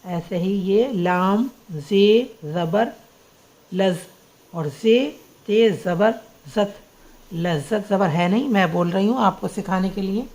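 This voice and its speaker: A woman's voice: medium pitch, slow, darkish tone, low-quality recording. A woman teaching Urdu script, patiently spelling out words letter by letter. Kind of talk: slow spelling-out lesson.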